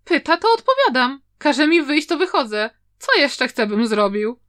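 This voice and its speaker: A brash, mischievous young man from a storybook, glib and carefree as he talks back to his elders, as a woman reader gives him voice. He rattles along quickly and lightly in a bright, raised voice. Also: sits high, big pitch swings. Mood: carefree, defiant. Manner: glib, brazenly talking back. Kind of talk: audiobook character reading.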